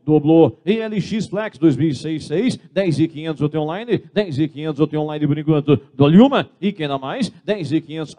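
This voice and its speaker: A man's voice: a little high, mellow. A Brazilian man working as an auctioneer, calling a live car auction and chanting bids repetitively.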